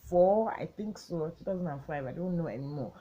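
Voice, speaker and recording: A woman's voice: low voice, brisk, slight background noise, low-quality recording. A woman, chatting casually to her channel in a rambling storytime vlog. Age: 20s. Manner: chatty, rambling, gets excited recounting the story. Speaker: vlogger.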